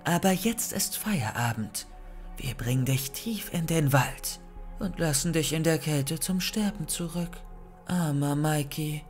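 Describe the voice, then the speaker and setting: A man's voice: a little high, unhurried, soft background music, lightly acted. A man voicing a scheming young woman villain in an audiobook, cold and mocking. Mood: cold gloating. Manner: mocking, gloating.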